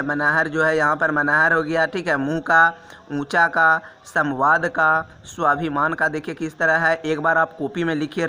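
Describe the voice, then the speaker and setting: A man teaching grammar in a casual spoken lesson, reading out wrong and correct words and sentences, often saying "okay" and slowing down to spell out each correction. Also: fairly high pitch, bright, forceful tone, a little hiss or hum. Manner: repeats "ठीक है" constantly, slows to spell out corrections.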